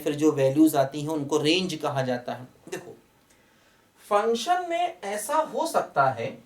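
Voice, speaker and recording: A man teaching a maths lecture to students online, in a fatherly way, addressing them as children and repeatedly telling them to look and pay attention. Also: a little high. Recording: roomy echo, mic at a distance.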